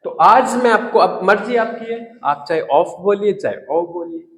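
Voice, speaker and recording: A man with an Indian English accent teaching a spoken English lesson, repeating key words slowly and emphatically. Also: high-pitched, a bit bright. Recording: echoey room with long reverb.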